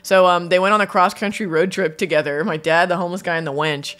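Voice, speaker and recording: A woman's voice: fairly low pitch, fairly even intonation, quick pace, fairly bright tone. A woman co-hosting a podcast in casual chat, laughing often and telling a story with lots of swearing, at home with her dogs in the room. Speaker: podcast co-host. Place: home studio with dogs present.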